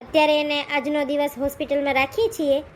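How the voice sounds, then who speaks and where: A woman playing a brisk doctor who gives instructions in a comedy skit. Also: sits high, level tone, slight background noise, natural voice. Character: brisk, advising village doctor.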